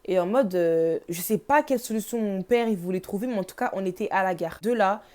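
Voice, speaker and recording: A young woman vlogging at home, telling a storytime in a casual, slangy, animated way. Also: mid-range voice, fairly quick. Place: home, noisy household.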